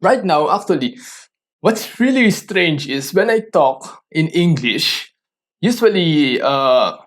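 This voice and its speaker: In his solo motivational podcast, an earnest Tagalog-speaking man with a slightly high, very animated, fairly bright voice coaches his audience with rhetorical questions. He halts and frequently begins sentences over.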